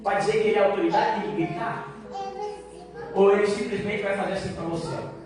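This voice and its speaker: High-voiced preacher in an echoey hall. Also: male voice, steady tone, a little fast. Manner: conversational preaching with many rhetorical questions to the congregation; jumps from quiet talk to loud emphatic lines. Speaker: pastor. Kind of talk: sermon. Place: large church hall. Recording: echoey hall, voice far off, background noise.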